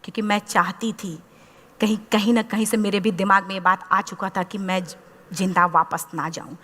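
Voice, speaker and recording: A woman's voice: mid-range voice, steady tone, moderate pace, bright, forceful tone. Impassioned woman speaker in a reverberant hall. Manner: impassioned storytelling, acting out quoted dialogue. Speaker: motivational speaker. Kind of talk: motivational speech to a live audience.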